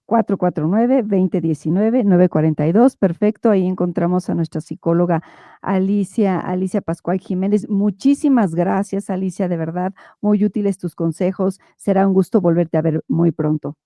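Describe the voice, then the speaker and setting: A woman hosts a podcast interview with a very dark, mellow voice. The recording is close and dry. She speaks in a measured, courteous way and often pauses with hesitations. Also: lowish voice, no echo. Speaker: podcast host.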